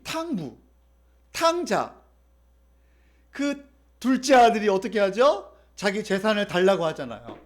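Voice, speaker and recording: A man preaching as a pastor, leading the congregation through reading and repeating scripture. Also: sits high. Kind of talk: sermon.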